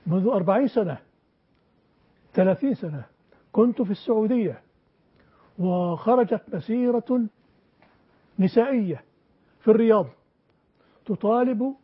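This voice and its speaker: Older man lecturing in a husky voice. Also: high voice, moderate pace, pauses often. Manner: emphatic, quizzes students. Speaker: teacher. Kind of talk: classroom lecture. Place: classroom with a board. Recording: dull lo-fi lecture recording.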